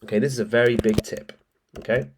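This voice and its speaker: A man's voice: medium pitch, fairly even intonation, fast, slight background noise. A blunt, fired-up man lectures his viewers on trading, peppering his talk with swearing and "bro". His voice is a little stuffy from allergies, and a keyboard clicks now and then behind him. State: congested with allergies. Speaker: trading coach. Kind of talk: casual motivational talk to camera.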